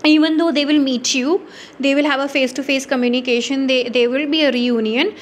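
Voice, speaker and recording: A woman's voice: sits high, steady tone, a little fast. A young woman with an Indian English accent giving a tarot reading, rambling with many fillers and sighing between thoughts. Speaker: tarot reader.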